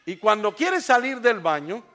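A male pastor preaching in a fairly high voice, lively and expressive as he tells stories to his congregation. He swings from quiet asides to loud, emphatic climaxes. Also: normal speed. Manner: animated, storytelling, rising to emphatic peaks. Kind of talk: sermon.

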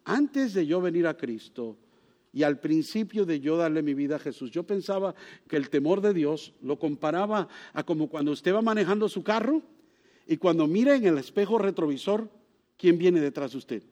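Male preacher, high register, dramatic storyteller who bursts into exclamations. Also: moderate pace, muffled recording. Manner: animated storytelling with sudden exclamations; asks the congregation questions. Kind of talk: sermon.

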